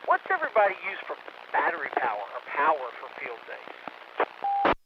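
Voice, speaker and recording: A man, checking in casually on a ham radio net from his vehicle, heard over a two-way radio with static, talking haltingly with many fillers. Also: fairly high pitch, huge pitch swings, gravelly. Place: in a vehicle, mobile. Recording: muffled radio with static hiss.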